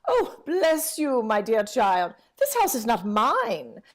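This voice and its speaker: A woman with a slightly high voice speaks slowly, swinging widely in pitch and fully in character. She plays a kindly, genteel, slightly deaf elderly housekeeper in a vintage-style radio drama, fussing, exclaiming and chatting warmly.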